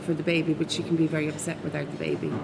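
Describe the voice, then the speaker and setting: A woman's voice: sits low, very animated, very fast, vocal fry, background noise. A woman with an Irish accent, explaining her group's work in a casual interview. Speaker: knitting group activist.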